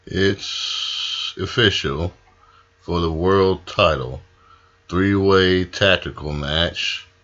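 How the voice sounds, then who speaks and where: A man's voice: sits low, pushed and bright, muffled recording. A man playing a polite, slightly hesitant wrestling show announcer hosting a wrestling promo. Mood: hyping.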